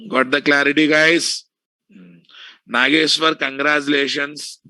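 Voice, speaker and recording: A man's voice: a little high, flat delivery, a little slow, pushed and bright, dry recording, rough recording. A man with a Telugu accent lecturing students informally as an instructor, repeating phrases and often checking that they follow. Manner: repetitive, checking often for understanding. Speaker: software instructor teaching an online class.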